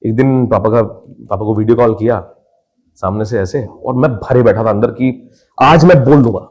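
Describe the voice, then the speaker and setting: Speaking at a moderate pace in a mid-range voice, this young man from India, an actor guesting on a podcast, recounts his life casually. He brings the story alive by performing the voices of his family.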